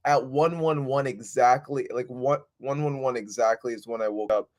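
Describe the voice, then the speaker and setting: A man's voice: mid-range voice, moderate pace, darkish tone. A man hosting a casual livestream, talking in an informal, rambling, slangy way. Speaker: livestream host. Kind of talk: casual unscripted spiritual livestream chat.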